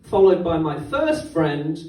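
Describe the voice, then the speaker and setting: A man's voice: fairly high pitch, big pitch swings, unhurried, darkish tone. Young man rambling on a club stage. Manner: rambling, self-deprecating, stumbling delivery. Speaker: stand-up comedian. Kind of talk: stand-up set. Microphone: handheld microphone. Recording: roomy club sound from a distance.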